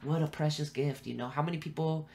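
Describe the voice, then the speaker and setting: A musician from the San Francisco Bay Area, California, speaks as a podcast guest in a Californian accent, his voice fairly high, creaky, and fast. He tells animated, slangy stories, acting out quoted lines, while a crowd murmurs in the background.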